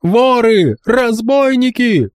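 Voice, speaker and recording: A man's voice: lowish voice, sing-song, normal speed, mellow, no room sound, studio quality. A man voicing a cheeky, cold-blooded young street boy with a mocking, calculating manner, in an audiobook. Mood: yelling. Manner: cocky, mocking, coolly calculating.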